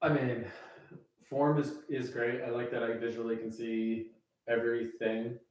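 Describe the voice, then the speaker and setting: A man's voice: mid-range voice, little pitch movement, unhurried, a little mellow. Hesitant man, far off in an echoey room. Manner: hesitant, stop-start, many restarts. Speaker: comedy writer. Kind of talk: brainstorming in a writers' room. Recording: distant mic in a very echoey room, faint noise.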